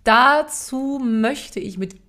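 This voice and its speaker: A woman's voice: a little high, very slow, sharp tone. Giggly woman stumbling through a comedy game. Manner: giggly, stumbling over words, self-mocking. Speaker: podcast co-host. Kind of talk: comedic memory game banter.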